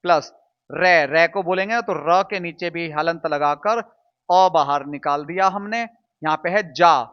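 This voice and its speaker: A man's voice: on the high side, a little slow, a bit bright, smooth, dull audio. A man teaching a Hindi lesson to students, patiently drilling sounds aloud and answering his own questions. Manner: asks questions and answers them himself.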